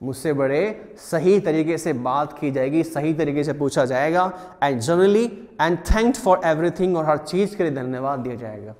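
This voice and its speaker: Teacher mixing Hindi and English. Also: male voice, fairly high pitch, darkish tone, big-room sound. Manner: slow, drawn-out reading of the English lines, then a quick gloss in Hindi. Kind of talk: reading a play aloud and explaining it line by line.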